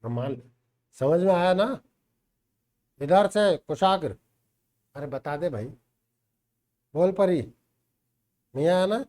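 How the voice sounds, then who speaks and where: A man's voice: high voice, takes it slowly, pauses often, a little mellow. A man teaching a math class, coaxing and teasing students by name to check they understand. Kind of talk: classroom teaching, mixing Hindi and English. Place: classroom with online students joining.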